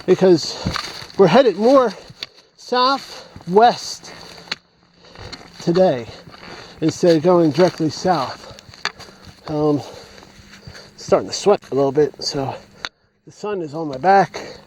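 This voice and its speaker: A man's voice: a little high, lively intonation, measured pace, pauses often, darkish tone, slight background noise. A man vlogging as he hikes a steep mountain trail, short of breath and rambling as he thinks aloud to his camera. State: short of breath while climbing. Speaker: hiker vlogger. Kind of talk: casual hiking vlog narration. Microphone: camera on an extended mount.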